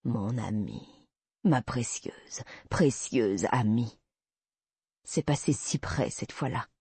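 A man voicing an obsessive, creepy man who slowly confesses to a kidnapping, in a soft, unsettling manner. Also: medium pitch, expressive, gravelly, slightly rough, no room sound, full character voice. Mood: creepy tender. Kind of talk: audiobook reading.

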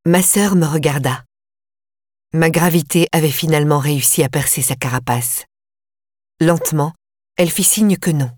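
A woman narrates a thriller audiobook in the first person, steady and measured. Her voice sits low, and the recording is close and dry. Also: no room sound.

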